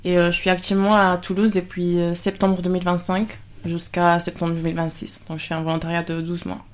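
Radio guest, woman in her twenties, Spanish accent, flat steady delivery, halting. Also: lowish voice. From Spain. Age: 20s. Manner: hesitant, many fillers. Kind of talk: radio interview answers. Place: radio studio.

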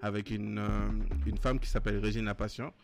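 A man's voice: lowish voice, flat delivery, a little fast, vocal fry, a little hiss or hum. A man from Guiana, talking casually as a guest musician, hesitant, with many fillers and restarts. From French Guiana. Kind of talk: casual interview chat. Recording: music playing behind.

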